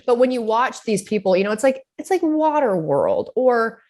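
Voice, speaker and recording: A woman's voice: fairly high pitch, sing-song, moderate pace, darkish tone. A woman from Utah co-hosting a podcast, telling rambling stories full of fillers and bursts of laughter. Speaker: podcast co-host. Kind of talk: casual chat.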